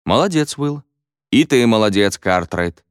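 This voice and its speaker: A good-humored schoolteacher, as a man reads him, wry and teasing with his pupils. The voice is low, but it moves freely and lively, dry and close with no room around it. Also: unhurried, clear, resonant tone, dry recording. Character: good-humored male schoolteacher, joking with class. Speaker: teacher.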